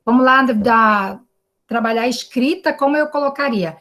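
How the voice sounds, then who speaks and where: A Brazilian Portuguese-accented woman teaches English in an online video-call class. Slightly high and a bit bright, she talks at an ordinary pace, explains patiently, and keeps checking understanding with tag questions.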